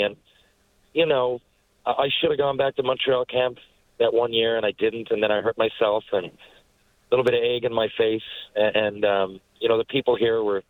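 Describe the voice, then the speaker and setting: The guest is a retired hockey player from Newfoundland in his forties, chatting in a casual interview with warmth, wandering thoughts and frequent restarts. He has a medium-pitched voice, captured in a dry, rough recording.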